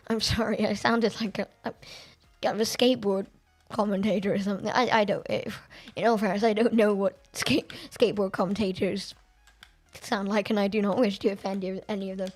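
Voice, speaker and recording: A woman streamer chatting through a racing game, excitable and quick to laugh at her own mistakes. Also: mid-range voice, soft background music. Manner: chatty, excitable and self-deprecating. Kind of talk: live-stream gameplay commentary.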